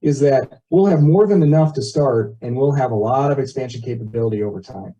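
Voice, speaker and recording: Muffled, dull audio captures a resident presenting an internet proposal at a community meeting. Speaking a little fast with a medium-pitched, dark voice, he gives an informal, conversational explanation full of everyday examples.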